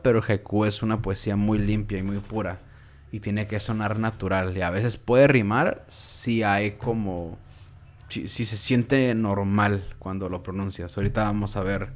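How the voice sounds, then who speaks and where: A young man with a Mexican Spanish accent, teaching a relaxed, casual class and repeating words aloud to show where the stress falls. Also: on the low side.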